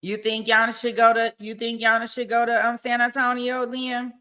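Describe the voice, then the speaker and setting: A woman's voice: fairly high pitch, completely flat delivery, normal speed, bright, forceful tone, smooth. A woman livestream host talking casually to her viewers in colloquial, informal phrasing.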